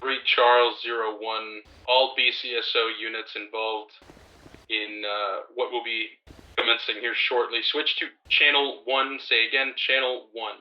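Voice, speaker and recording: A man's voice: medium pitch, little pitch movement, unhurried. A man playing a police officer in a roleplay game, talking in clipped radio codes and callsigns over a walkie-talkie. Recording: muffled, noisy radio transmission.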